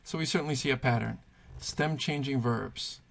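At normal speed and with a gravelly, medium-pitched voice, a man teaches Spanish verb conjugations, writing on the whiteboard while patiently musing aloud and highlighting key points.

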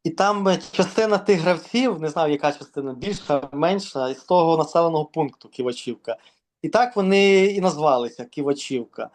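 A man from Ukraine, a volleyball organizer, talking casually in an interview and pausing often with fillers and restarts. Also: a little high, animated. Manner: hesitant, many fillers and restarts.

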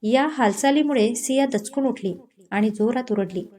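A woman's voice: on the high side, normal speed, warm tone. Woman narrating a romance story.

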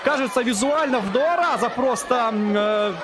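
A man's voice: extremely high pitch, normal speed. A man giving live football commentary, describing the play and the replays. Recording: loud stadium crowd and outdoor noise. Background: football crowd and stadium ambience.

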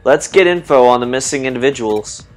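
A man hosting a let's play, reacting excitably to the game in casual commentary. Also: mid-range voice, a little fast. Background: game music.

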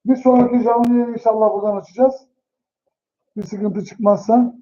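A man's voice: extremely high pitch, steady tone, moderate pace, mellow. A man hosting a casual livestream, chatting to viewers in a brotherly way and often repeating himself. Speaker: livestream host. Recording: muffled lo-fi livestream audio.

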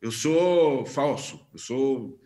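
A man's voice: mid-range voice, expressive, drawn-out words, dark tone, slight background noise. A man moderating a panel on a video call, chatty and jovial with his guests.

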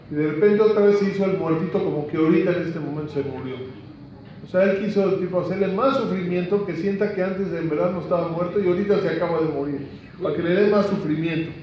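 Male rabbi acting out a lesson story, slightly high, recorded far off in an echoey room. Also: a little hiss or hum. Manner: dramatic, acts out quotes. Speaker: rabbi teaching Talmud stories. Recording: echoey room, distant dull mic.

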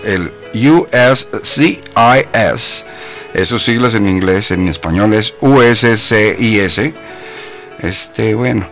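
A man's voice: on the low side, a bit bright. A man hosting a live internet radio show, chatting playfully and joking as he explains the news. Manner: jokey, playful, mock-mispronounces English.

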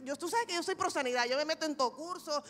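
A woman pastor preaching a sermon, telling a personal testimony in an animated, humorous way. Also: sits high, fast talker. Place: large church hall. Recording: reverberant church hall recording.

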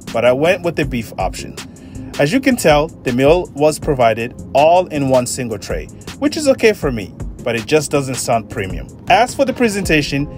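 Lively-pitched man reviewing a flight. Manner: measured, matter-of-fact reviewing. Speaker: travel vlogger. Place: airplane cabin. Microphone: phone held at arm's length.

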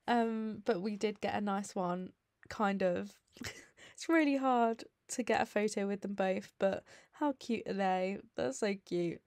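A woman's voice: medium pitch, a little mellow, no echo. A young woman giving a casual, chatty voice-over for her vlog, giggling now and then. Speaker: vlogger. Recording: dry voice-over with faint music.

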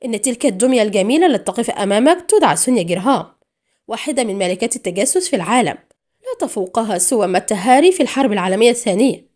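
A woman's voice: mid-range voice, racing. A woman reading an audiobook, voicing a defiant, sarcastic female agent held captive. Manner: calm, mocking defiance.

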